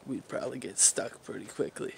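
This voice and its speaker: A man's voice: a little fast, background noise. A man vlogging at a forest campsite on a handheld camera, talking in an easygoing, rambling way. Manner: laid-back, rambling, easygoing. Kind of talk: casual chat.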